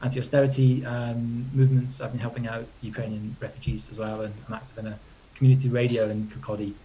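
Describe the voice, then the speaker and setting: A young man from Poland answers panel questions as a council candidate. His voice is flat and even, and he hesitates often and fills the gaps. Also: medium pitch, fast talker, a little hiss or hum. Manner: hesitant, many fillers, flat delivery.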